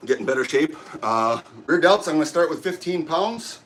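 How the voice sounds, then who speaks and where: A middle-aged man, out of breath, chatting casually with viewers of his livestream during a gym workout, halting and rambling with many restarts. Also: a little high, animated, a bit bright, slight background noise. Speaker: livestream host. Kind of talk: casual chat while working out on a livestream. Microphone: camera set up nearby.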